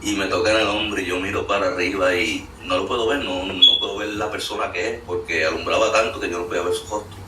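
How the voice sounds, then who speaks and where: Earnest man, low voice, testimony; echoey room, distant mic, faint noise. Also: fairly even intonation, fast, hardly any pauses. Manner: earnest, storytelling with many fillers. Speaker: guest sharing a testimony. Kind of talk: emotional spoken testimony.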